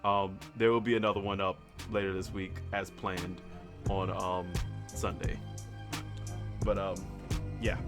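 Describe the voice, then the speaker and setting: A man's voice: low voice, level tone, unhurried, pauses often, over music. A man hosting a casual gaming podcast, laughing often and talking in loose slang. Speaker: podcast host. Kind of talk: casual chat.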